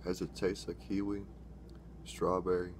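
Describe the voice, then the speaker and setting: In a small, dimly lit room, a young man films himself casually trying drinks he has mixed, talking in a low-pitched, slightly slow voice. He wanders off topic and self-corrects, growing excited as he tastes, while noise fills the background.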